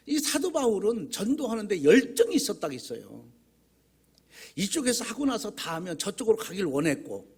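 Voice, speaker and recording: A pastor with a high-sitting voice, vocal fry, and a breathy edge preaches a sermon in a church sanctuary. His style is conversational and folksy, mixing humorous stories with rhetorical questions for the congregation.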